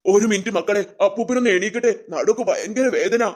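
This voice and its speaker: Performer putting on a gentle old grandpa, soft and tender, quick-spoken, middle pitch. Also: natural voice. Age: older. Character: poor old male Santa-costume worker, gentle and weary. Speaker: street Santa performer.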